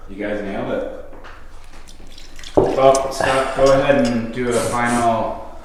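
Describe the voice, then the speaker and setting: A man's voice: mid-range voice, steady tone, slow. A man chatting casually as a co-host, giving prompts from the side. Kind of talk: casual chat. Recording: very echoey room, clear background noise.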